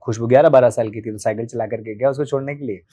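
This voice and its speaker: A man in his thirties from Delhi, a podcast guest telling his life story in a candid, animated way and acting out remembered dialogue. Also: medium pitch, racing. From Delhi, India. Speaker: podcast guest, martial arts practitioner.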